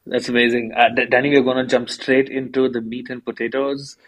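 A man co-hosting a podcast, introducing the guest in a friendly, brisk way. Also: medium pitch, flat delivery, a bit bright, rough recording. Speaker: podcast co-host.

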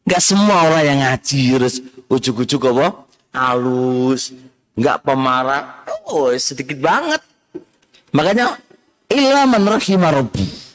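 A man's voice: mid-range voice, very animated, measured pace, long pauses. A middle-aged man with an East Javanese accent giving a religious study lecture, mixing in Javanese phrases and addressing listeners directly. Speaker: Islamic religious teacher.

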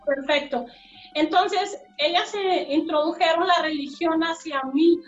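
A woman's voice: extremely high pitch, unhurried, faint music behind. A Mexican woman telling her life story earnestly as an interview guest, heard over a remote call. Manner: earnest, emotional retelling. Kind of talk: personal storytelling. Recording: echoey, dull remote call audio.

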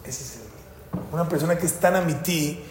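A man leads a Torah lesson, animated and quizzing his students as he goes. His voice sits fairly high for a man. He is heard in an echoey hall with long reverb and a faint hiss behind him. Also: brisk. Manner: animated, keeps quizzing listeners with "sí o no". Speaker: rabbi teaching a class.

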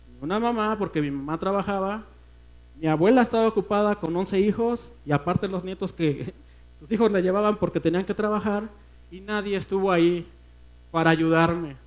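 A man with a Mexican accent preaching a personal testimony at a church service, earnest and emotional, often dropping to a hush. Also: sits high, low-quality recording. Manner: earnest, emotional storytelling that often sinks to a hushed voice.

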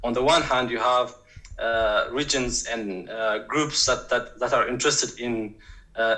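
A man's voice: medium pitch, bright, forceful tone, rough recording. A man from Tigray, answering interview questions as a guest, hesitant and full of fillers and restarts. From Tigray, Ethiopia. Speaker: guest activist.

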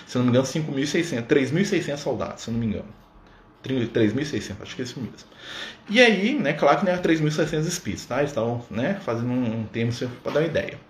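In an echoey room with faint background noise, a spiritist study leader guides an informal religious study over a livestream. His medium-pitched voice is expressive and very fast, and he chats with listeners and keeps checking in on them.

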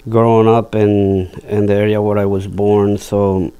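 Slow, deep-voiced man from Guatemala. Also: level tone, dark tone, clear, resonant tone. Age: 40s. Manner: halting, many fillers and restarts. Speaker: interview guest. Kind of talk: personal life story in an interview.

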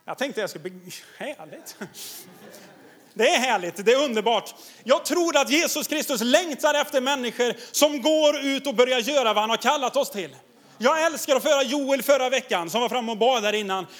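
A man's voice: very high voice, a bit bright. A man preaching a sermon as pastor, enthusiastic and exhorting, laughing often as he tells stories.

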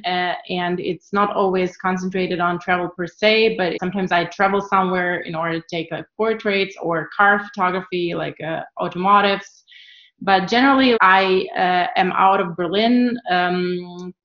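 A Ukrainian travel photographer in her thirties answers interview questions as a guest in a relaxed, casual way, with frequent fillers and restarts. Her voice is mid-range, and the audio is dull with an echoey room.

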